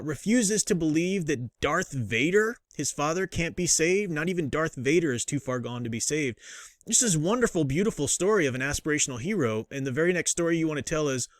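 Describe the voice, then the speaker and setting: Recorded dry and at studio quality, a man with a fairly high voice gives an unscripted, casual review of books and comics as host. His talk rambles and breaks off mid-thought, carried by a fan's enthusiasm.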